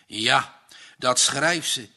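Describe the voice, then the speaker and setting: A man's voice: medium pitch, extremely slow, creaky, sharp tone, full character voice. A man voicing an anxious, earnest young farmer's son in a read-aloud story.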